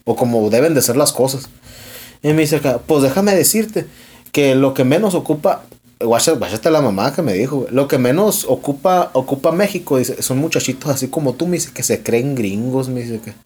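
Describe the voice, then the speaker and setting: A man's voice: medium pitch, moderate pace, slightly rough. Foul-mouthed Mexican man telling a story. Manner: profane, slangy, animated retelling with quoted dialogue. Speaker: podcast host. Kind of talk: casual storytelling chat.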